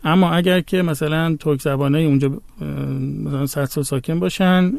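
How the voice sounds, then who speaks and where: A man whose first language is Azerbaijani Turkish speaks as a guest in a conversation. He explains patiently and works through example after example. His voice sits at an ordinary pitch and is recorded close and dry. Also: fairly even intonation, vocal fry, darkish tone, no room sound.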